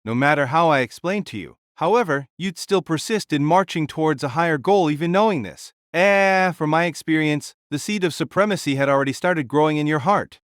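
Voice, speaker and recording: Man as giant boastful king, hearty, bold, very lively intonation, dry close sound, audio drama. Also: a little high, fairly quick, few pauses, dry recording, natural voice. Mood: frank, encouraging. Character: huge boisterous male warrior king spirit, jovial and boastful. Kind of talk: dramatised audio story dialogue.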